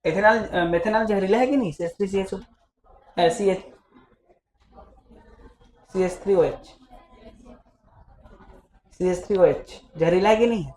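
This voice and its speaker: A man's voice: high-pitched, a little slow, long pauses, darkish tone, a little hiss or hum. A male physics teacher in a casual classroom lecture, teasing and scolding his students as he talks. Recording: echoey classroom.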